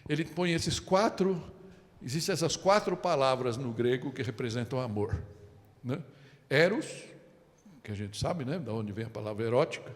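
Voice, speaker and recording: Animated Brazilian pastor in a reverberant hall. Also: male voice, mid-range voice. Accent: Brazilian Portuguese. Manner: animated storytelling with acted quotes and asides; asks the congregation "amém?" and "né?" often. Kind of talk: sermon. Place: church hall.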